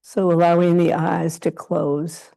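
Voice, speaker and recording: This woman has a lowish, gravelly voice and a flat delivery. As a teacher guiding a meditation, she gives gentle, short invitations with lengthy pauses in between.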